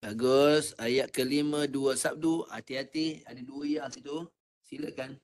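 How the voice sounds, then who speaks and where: A man with a Malaysian Malay accent teaching Quran recitation in an online class, patient and coaching, demonstrating sounds slowly. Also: mid-range voice, fairly even intonation, a little mellow, slight background noise.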